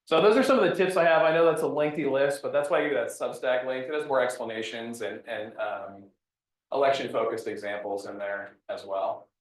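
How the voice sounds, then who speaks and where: A man guest speaker giving media literacy tips in a measured, explanatory way. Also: medium pitch. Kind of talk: lecture-style talk. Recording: echoey room, distant mic.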